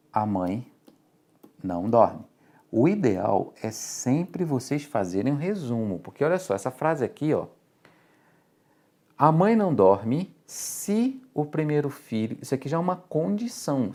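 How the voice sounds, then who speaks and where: A man's voice: medium pitch, warm tone. A man with a Brazilian Portuguese accent teaching logic for exam prep, explaining step by step and checking in with the class.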